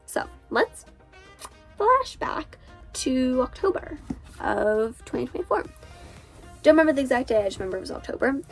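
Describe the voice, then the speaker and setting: Stuffed up from a cold, the teenage booktuber and author sounds nasal as she talks at a moderate pace in a high-pitched, very animated way, leaving long pauses. Her chatty speech is full of "like," and the low-quality recording carries soft music underneath.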